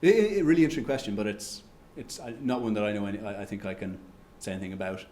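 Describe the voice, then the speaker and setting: A lowish, dark-toned man from Ireland stumbles through restarts and fillers as he answers questions at an economics lecture. The echoey room has a little hiss or hum.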